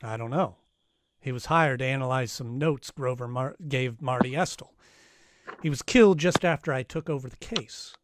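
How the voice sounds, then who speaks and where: The actor narrates and plays a dryly sardonic, wisecracking gumshoe in a live radio play in the old-time detective style, with a bargaining mood. His medium-pitched voice is natural and moderately paced, recorded with no room sound.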